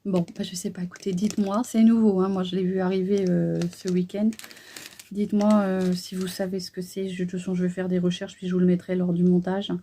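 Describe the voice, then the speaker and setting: A woman's voice: on the low side, little pitch movement, fairly quick, warm tone, a little hiss or hum. A middle-aged woman chatting casually through a beauty haul, hesitant and full of fillers. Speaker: beauty vlogger.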